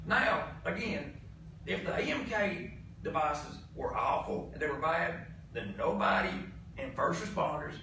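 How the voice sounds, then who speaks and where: At an indoor public meeting, a county commissioner with a Southern US accent vents in a blunt, folksy, exasperated way, repeating himself for emphasis. His voice is on the high side, expressive and unhurried, pushed and bright. The distant mic captures a noisy, very echoey room.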